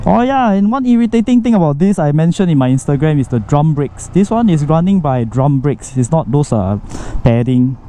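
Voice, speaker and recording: A man's voice: on the high side, moderate pace, hardly any pauses, mellow. Muffled Singaporean man talking inside a helmet. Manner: colloquial, rambling delivery with local particles and exclamations. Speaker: motorcycle vlogger. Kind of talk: casual motovlog chat. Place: outdoors, riding a motorcycle inside a helmet. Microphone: microphone inside a motorcycle helmet. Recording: muffled helmet mic, road and engine noise. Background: traffic and vehicle noise.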